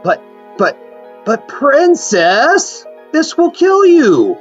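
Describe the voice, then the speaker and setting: A woman's voice: rumbling low, big pitch swings, takes it slowly, lo-fi sound, faint music behind, heavily acted. A woman playing a dramatic, devoted male wizard in an acted fantasy scene, grandiose and grave by turns. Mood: grandiose, pleading. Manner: theatrical, swooping between grandiose and grave.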